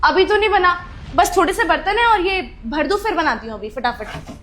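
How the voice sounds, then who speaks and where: A woman playing a very high-voiced young mother. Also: expressive, fairly quick, slight background noise. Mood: pleading. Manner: scolds loudly, then speaks softly and gently. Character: scolding young mother of a seven-year-old girl. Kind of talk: family drama skit.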